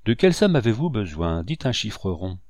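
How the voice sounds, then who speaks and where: A man's voice: fairly low pitch, big pitch swings, normal speed, a little mellow, no room sound, studio quality. A man voicing a wealthy planter who talks down to his visitor, pompous and patronizing, in an audiobook reading. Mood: condescending. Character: rich planter, condescending then nervous.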